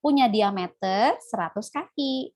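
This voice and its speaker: A woman's voice: on the high side, animated, measured pace, darkish tone. A young woman teaching English in a casual live online class, chatty and self-correcting as she talks to her viewers.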